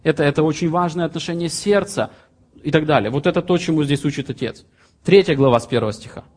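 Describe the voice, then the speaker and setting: Pastor, male, late thirties, earnest preaching, slightly higher-pitched voice. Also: fast talker, a little mellow. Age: 30s. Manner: earnest, reads scripture aloud then explains in plain examples. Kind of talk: sermon.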